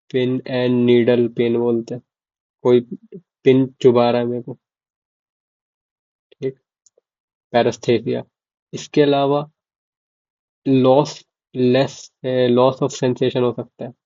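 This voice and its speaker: Young guy w tutoring med students, flat mellow voice, keeps asking ok?. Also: medium pitch, no room sound. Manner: casual, asks "ok?" and repeats key terms to check understanding. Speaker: medical tutor. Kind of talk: informal lecture explaining to students. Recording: dull, dry lo-fi mic.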